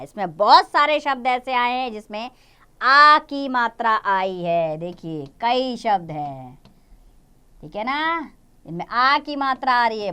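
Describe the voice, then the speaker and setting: A young woman teaching a Hindi lesson to small children. She draws out each word slowly, repeats it, and coaxes them with questions. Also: on the high side, bright, forceful tone, clear, resonant tone. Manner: drawn-out syllables when modelling words, repeats each word twice. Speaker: primary school Hindi teacher.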